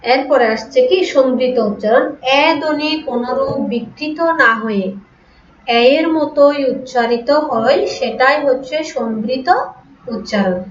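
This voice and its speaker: A woman teaching an online class, explaining slowly, repeating example words and asking her students rhetorical questions. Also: high voice, slight background noise. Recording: echoey room, distant lo-fi mic.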